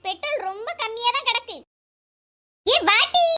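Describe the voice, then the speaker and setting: Squeaky village woman. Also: expressive, moderate pace, bright, forceful tone, full character voice. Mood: grumbling. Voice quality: squeaky, chipmunk-like high voice. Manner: bickering, teasing comic banter. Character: young Tamil village woman, squeaky and quick-tempered. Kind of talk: village comedy sketch. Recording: hissy background noise.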